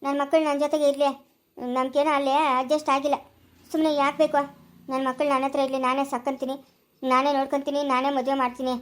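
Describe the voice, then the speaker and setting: A woman's voice: high voice, little pitch movement, fast talker, lightly acted. A woman playing an estranged mother begging on the phone to get her children back, with a rural Chikkaballapura Kannada accent and insistent, pleading delivery.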